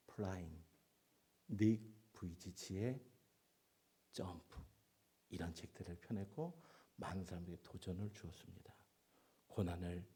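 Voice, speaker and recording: A man preaching a sermon as a pastor, swinging between loud emotional exclamations and hushed whispers. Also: sits low, husky.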